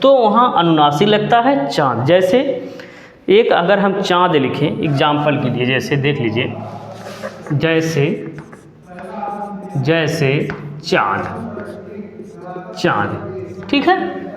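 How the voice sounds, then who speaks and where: A male teacher giving a grammar lesson, repeating key terms slowly and asking the class questions. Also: on the high side, big pitch swings, crowd noise. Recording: dull echoey room, lo-fi.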